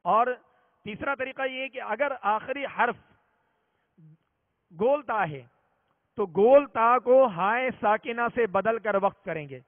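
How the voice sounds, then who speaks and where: High-voiced man teaching over tinny audio. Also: expressive. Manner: patient, repetitive explaining, slows to sound out examples. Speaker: Quran reading teacher. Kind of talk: religious reading lesson. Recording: tinny phone-like audio, long reverb.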